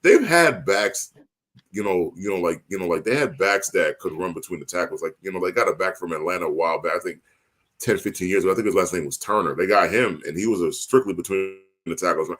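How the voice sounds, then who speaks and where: A man's voice: low voice, fast, fairly bright tone. A man co-hosting a casual sports podcast, rambling with lots of filler words and getting heated and emphatic. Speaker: podcast co-host.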